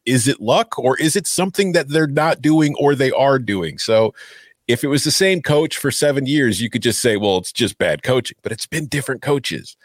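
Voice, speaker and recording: A man co-hosting a sports podcast, explaining stats analytically with halting restarts. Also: medium pitch, no echo, studio quality. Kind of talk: casual podcast chat.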